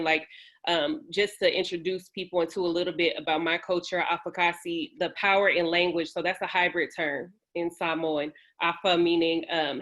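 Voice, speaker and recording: A woman from San Francisco speaks on a video call panel, her voice a little low. She talks in an earnest, personal, thoughtful way. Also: fairly bright tone.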